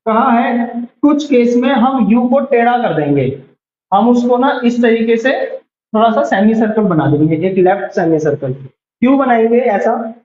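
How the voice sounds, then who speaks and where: A young man teaching a beginners' shorthand class, patiently repeating each word slowly and checking whether anyone has doubts. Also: extremely high pitch, darkish tone. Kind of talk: classroom lesson. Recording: roomy, dull lo-fi sound.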